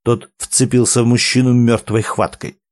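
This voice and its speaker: A man narrating a story aloud in a calm, measured way. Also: medium pitch, no room sound, studio quality. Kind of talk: audiobook narration.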